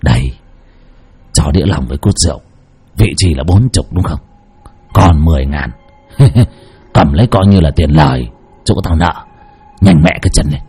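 A man's voice: very deep voice, expressive, moderate pace, pauses often, mellow, breathy edge, soft background music, voice pushed down, full character voice. A man voicing a coarse, bitter middle-aged male gambler, cursing and grumbling.

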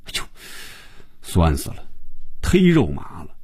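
A man's voice: low voice, big pitch swings, unhurried, darkish tone, slightly rough, dry recording, exaggerated voice. A man voicing a wry, understated man in an audiobook, dodging teasing with dry jokes. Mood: joking.

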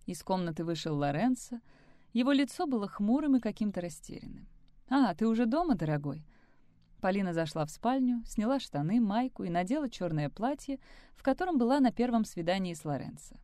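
A woman narrating a story aloud in an expressive, dramatic way, as in an audiobook. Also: medium pitch, brisk, dry recording, clean studio sound.

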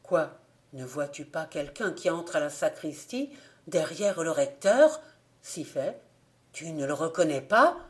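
An old gravedigger, humble and anxious, as a woman reader puts him on, pleading in a slow, slightly low voice. A spoken storybook voice, plain and earnest. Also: expressive. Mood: whispering urgently. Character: old frightened village gravedigger man.

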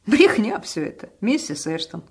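A woman voicing a brash, slangy male police officer who speaks bluntly and loudly. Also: mid-range voice, big pitch swings, moderate pace, breathy edge, pitched above the performer's own voice. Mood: blunt, cocky.

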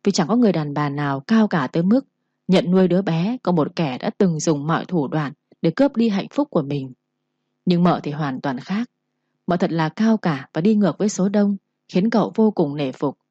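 Storyteller: woman, low mellow voice, dull dry recording, narrates and voices all parts herself. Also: animated, normal speed, breathy edge, no room sound. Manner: reads every character's lines in her own voice.

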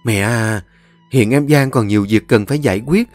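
A man voicing a caring elder sister who speaks in a gentle, coaxing way. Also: medium pitch, moderate pace, no echo, soft background music, close to an everyday voice. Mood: reassuring.

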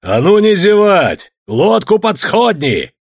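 A man voicing a self-assured male merchant who gives slow, commanding orders in a husky voice. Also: on the high side, animated, no echo, clean studio sound, pitched above the performer's own voice.

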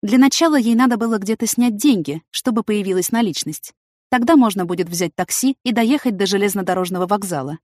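A woman's voice: mid-range voice, a little fast, darkish tone, no echo, clean studio sound. A woman narrating a novel as an audiobook, reading steadily and evenly.

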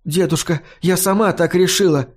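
A shy, tearful young woman, voiced by a man narrating an audiobook pleads in a raised, soft and quiet voice. She sounds timid, holding back rather than shouting. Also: a little high, fairly even intonation, brisk, slightly rough, pitched above the performer's own voice. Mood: tearful pleading.

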